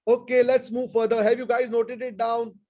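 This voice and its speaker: A man with an Indian accent leads a live online vocabulary class, trading Hindi and English. His voice sits high for a man, and he stretches out and repeats each key word at an unhurried pace. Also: level tone, dark tone. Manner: switches between Hindi and English, repeats key words slowly.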